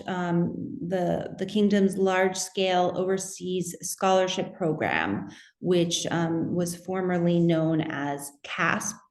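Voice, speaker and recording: A middle-aged woman giving a conference presentation on her research, methodical and measured, with occasional fillers and restarts. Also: mid-range voice, darkish tone. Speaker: academic researcher presenting at a symposium. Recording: roomy echo.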